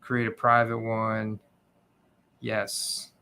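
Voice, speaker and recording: Man, livestream host, bright sharp voice, unhurried pace, casual informal chat, medium pitch. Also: monotone, clean tone. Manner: informal, addresses viewers as guys.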